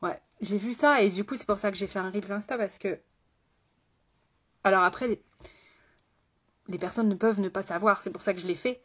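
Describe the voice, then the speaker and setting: A woman's voice: medium pitch, moderate pace, long pauses, husky. A woman makeup artist chatting through a live makeup tutorial, talking straight to her viewers with rambling asides.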